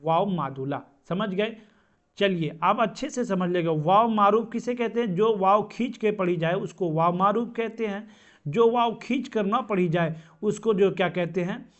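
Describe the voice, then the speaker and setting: A man teaching a grammar lesson, who asks questions and answers them himself and repeats each term. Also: sits high. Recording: dull lo-fi sound.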